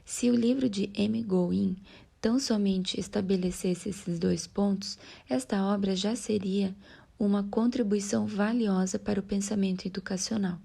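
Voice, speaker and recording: A woman reading a nonfiction audiobook aloud in a soft, breathy near-whisper, now and then correcting a slip. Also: mid-range voice. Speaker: audiobook reader.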